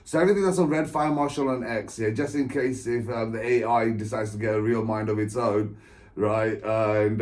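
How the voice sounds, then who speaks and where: A man's voice: medium pitch, darkish tone. Author, male, 40s; loose, digressive monologue, laughs a lot, repeats phrases. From England. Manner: chatty, digressive, laughs often, repeats himself. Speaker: author and spiritual coach. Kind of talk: rambling personal monologue.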